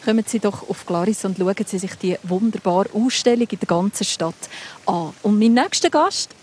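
Woman, Swiss German accent, radio host, outdoors, lively, guiding tone. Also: mid-range voice, moderate pace, husky. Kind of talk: live radio walk-and-talk. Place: outdoors in a town.

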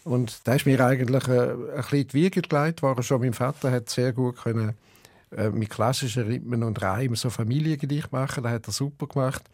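A poet with a St. Gallen Swiss German accent speaks in a dry, close recording. He talks thoughtfully about his writing and his dialect, with frequent hesitations and fillers. His pitch sits in a middle range. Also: steady tone, fairly quick, darkish tone, dry recording. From eastern Switzerland. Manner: rhythmic, chanting recitation when reading poems; thoughtful, with many hesitations when talking. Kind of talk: interview and poetry reading.

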